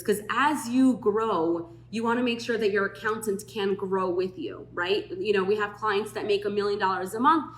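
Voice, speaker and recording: A woman who runs a tax firm, chatting on a podcast and telling stories, acting out the people she quotes. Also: medium pitch. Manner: chatty storytelling, acts out quoted voices. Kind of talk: podcast talk. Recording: roomy echo.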